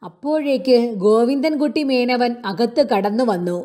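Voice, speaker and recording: A woman reading a classic novel aloud in a measured storytelling manner. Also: on the high side, animated, mellow. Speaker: book reader.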